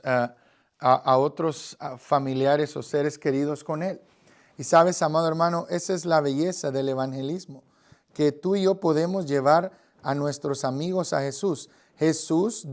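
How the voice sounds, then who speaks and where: A man's voice: a little high, darkish tone. A man from Guatemala with a Guatemalan accent, giving an earnest Bible lesson on evangelism and speaking directly to the listener with frequent fillers. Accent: Guatemalan Spanish. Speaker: evangelism teacher.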